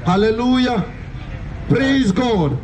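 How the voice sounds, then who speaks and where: A man's voice: very high-pitched, animated, slow, a crowd in the background. A young Kenyan man preaching an open-air street sermon with call-and-response rhythm, mixing English and Swahili. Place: outdoors on a dirt street corner in town. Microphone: far camera. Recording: distant outdoor mic with street noise.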